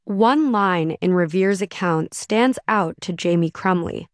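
A woman reporter narrating a radio feature story in a steady, measured way. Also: fairly low pitch, no echo, studio quality.

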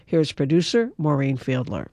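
Lady announcer on the radio intro, bright delivery, dry close mic. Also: low voice, sing-song, moderate pace, no echo.

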